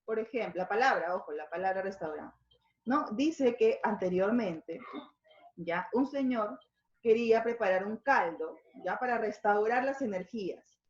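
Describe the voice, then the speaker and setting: Female Peruvian teacher, mid pitch, explains patiently; echoey, muffled home-recorded lesson. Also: animated, measured pace, darkish tone. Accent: Peruvian Spanish. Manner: explanatory, checks in with frequent tag questions. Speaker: schoolteacher.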